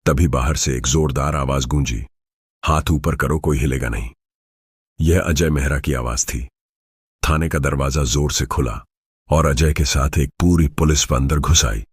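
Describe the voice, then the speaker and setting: A man narrating a scripted drama story with steady, dramatic delivery. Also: extremely low pitch, moderate pace, slightly rough, dry recording, studio quality.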